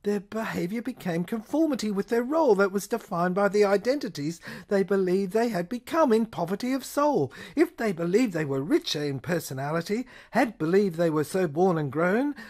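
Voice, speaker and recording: In a science fiction audio play, a woman delivers dramatic first-person narration with intensity and hesitation, repeating phrases and sometimes sinking almost to a whisper. Her voice sits at a medium pitch with a darkish tone.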